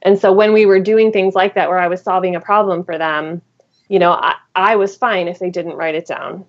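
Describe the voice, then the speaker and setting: A woman's voice: fairly low pitch, steady tone, fairly quick. A woman teacher and guest author in a casual podcast conversation, thinking aloud with fillers and restarts. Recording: dull lo-fi recording.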